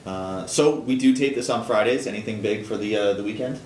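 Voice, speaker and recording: Here a deep, slightly mellow male voice co-hosts a casual business news chat, stumbling through restarts and frequent fillers. The room lends a clear echo, with a faint rumble in the background.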